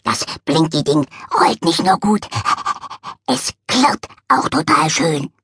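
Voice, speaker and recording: A woman reading an audiobook, voicing a cheerful, easygoing little male dog in a lower, slangy voice. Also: big pitch swings, slow, a bit bright, slight background noise, heavily acted.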